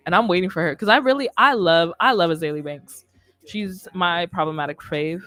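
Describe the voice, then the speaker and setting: Her voice is lowish and sharp-toned, and she moves along fairly quickly over soft background music with no echo. The young woman is hosting a radio show from a curtained studio, rambling casually with lots of slang, podcast-style. A headset and a close boom-arm studio mic capture her.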